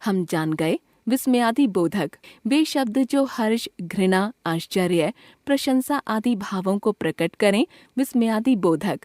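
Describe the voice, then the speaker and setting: This is a woman narrating a scripted grammar lesson at a very slow, careful pace. She reads lists of words with pauses between them, and her voice is recorded close and dry with no room sound. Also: mid-range voice, animated, a little mellow, dry recording. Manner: slow, deliberate list reading with pauses. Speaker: textbook narrator.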